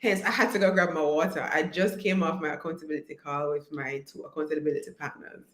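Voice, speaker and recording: A woman with a lowish, husky voice chats on a live stream, warmly greeting viewers by name. Her throat is still rough from being sick. The sound carries a roomy echo. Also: steady tone, fast talker. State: hoarse, recovering from illness. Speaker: coach hosting a live stream.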